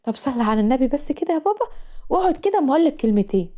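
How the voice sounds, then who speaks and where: A woman's voice: high-pitched, very animated, racing, warm tone. A woman voicing a sulky young female student with an Egyptian accent, complaining dramatically. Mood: whiny. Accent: Egyptian Arabic. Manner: whiny, exaggerated complaining.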